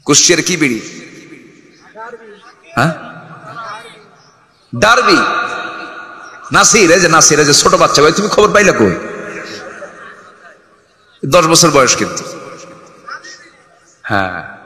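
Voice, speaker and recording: Guy preaching loud to a crowd, pitch a bit high, big echo trailing off. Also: slow, long pauses. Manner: animated, keeps calling on the crowd to answer louder; shouts at peaks. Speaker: Islamic preacher. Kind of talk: fiery sermon to a crowd. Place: open religious gathering. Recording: echoey with long reverb.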